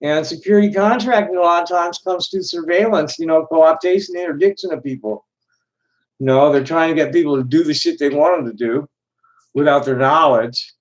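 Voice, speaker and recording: Higher-pitched man rambling bluntly. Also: muffled recording. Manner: profane, blunt, halting. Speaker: host of an online discussion. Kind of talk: casual rambling chat.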